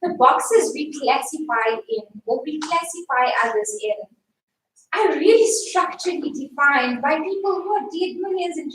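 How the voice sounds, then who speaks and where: A South African woman speaking earnestly and emphatically as a panelist in a live discussion. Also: high-pitched. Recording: echoey hall, far from mic, faint noise.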